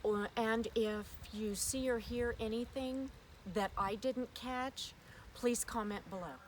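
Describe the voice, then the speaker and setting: A woman's voice: on the high side, steady tone, takes it slowly. A woman hosting a spirit box session, putting questions to spirits aloud and often repeating herself. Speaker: paranormal investigator host. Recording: noisy recording with clicks.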